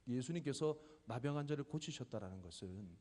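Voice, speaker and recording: Man, thirties, pastor, sermon, animated pitch, long church-hall echo. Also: a little fast. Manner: conversational, explains with questions and family stories.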